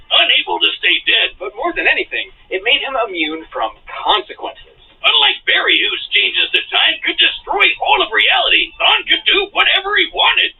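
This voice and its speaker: A man narrates in a high, wildly swinging voice, punching words with sudden shouts. His voice is gravelly and sounds far away, squeezed through a tinny, phone-like playback. Music plays behind him. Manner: dramatic, punchy delivery with sudden shouted emphasis. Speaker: show narrator. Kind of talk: scripted narration and sponsor read.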